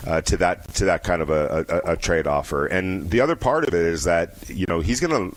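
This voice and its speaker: Low-voiced man hosting sports radio. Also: expressive. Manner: halting, repeats words as he reasons. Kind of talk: sports talk commentary.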